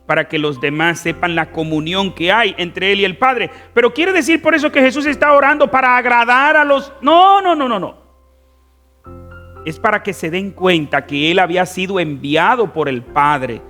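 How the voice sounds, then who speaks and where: Fervent high-voiced Dominican preacher. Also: male voice, moderate pace, faint music behind. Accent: Dominican Spanish. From Dominican Republic. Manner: fervent preaching with wide swings in loudness and stretched words. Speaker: pastor. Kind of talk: sermon.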